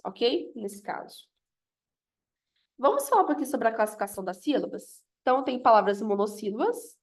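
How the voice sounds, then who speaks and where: Woman teacher, fairly high voice, patient step-by-step explaining. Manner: explanatory, checks in with "ok?" often. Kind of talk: grammar lesson review.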